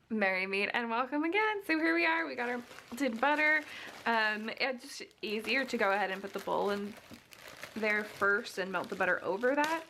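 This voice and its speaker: A woman's voice: mid-range voice, fairly bright tone, a little hiss or hum. A young woman with the hiccups hosting a casual cooking vlog, chatty, giggly and self-deprecating as she works. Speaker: cooking vlogger.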